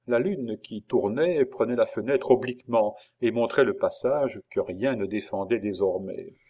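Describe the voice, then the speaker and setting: A man narrating a novel in a steady, measured storytelling manner. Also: lowish voice. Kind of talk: audiobook reading of a novel.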